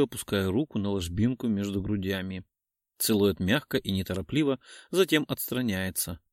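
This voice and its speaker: A man's voice: mid-range voice, no room sound. Man reading a romance audiobook, dry. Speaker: audiobook narrator. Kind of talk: scripted narration.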